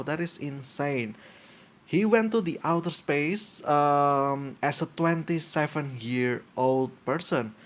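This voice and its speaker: A man in his twenties hosting a casual solo podcast, reading from a page and reacting as he goes, with lots of fillers and restarts. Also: a little high. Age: 20s. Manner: hesitant, full of fillers and restarts, thinking aloud. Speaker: podcast host.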